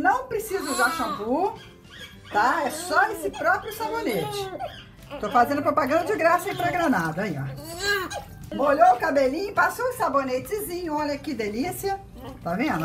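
Lively high-voiced woman cooing diminutives. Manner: coos to the baby, heavy use of diminutives. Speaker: instructor demonstrating baby care. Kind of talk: casual instructional demonstration. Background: baby crying and music.

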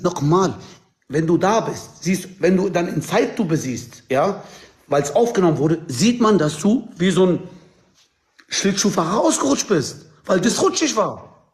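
A man's voice: high voice, sing-song, unhurried. A man arguing heatedly and insistently on a group video call, talking over the others. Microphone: video call on phone or computer.

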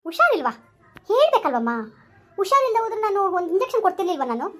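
A woman's voice: very high-pitched, sing-song, quick pace. A woman playing a scheming mother-in-law who lectures in a falsely sweet, bossy way in a comedy skit. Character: scheming mother-in-law posing as social worker.

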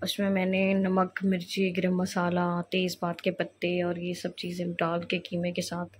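A young woman chatting quietly in a home kitchen during a cooking vlog, a little congested from a cold and often losing her words. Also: lowish voice, completely flat delivery, unhurried, a little hiss or hum. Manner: soft-spoken, talking quietly while others sleep; chatty, forgetful, mixes in English phrases. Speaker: vlogger. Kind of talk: casual cooking vlog chat.

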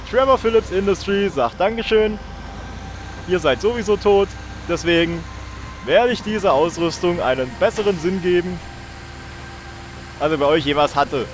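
A man's voice: fairly high pitch, a little hiss or hum. A young man hosting a let's play, joking and swearing in casual commentary while talking to his viewers.

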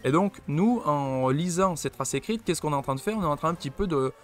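A man's voice: on the high side, expressive, a little fast, soft background music. Musing French man narrating a game. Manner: musing, thinks aloud with many fillers and restarts. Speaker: let's play host. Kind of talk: unscripted gameplay commentary.

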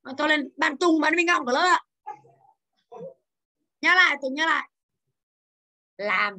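High bright woman teacher, drills the class with questions. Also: animated, a little slow. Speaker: English teacher.

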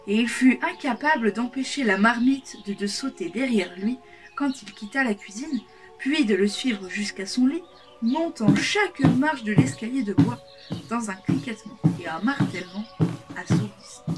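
A woman reading a fairy tale aloud in a calm, measured way. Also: a little high. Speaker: storyteller. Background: soft background music.

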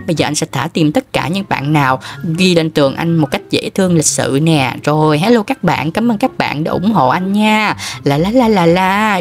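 A man giving upbeat, sing-song game commentary and chatting warmly with fans. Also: on the high side, gravelly. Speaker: gaming YouTuber.

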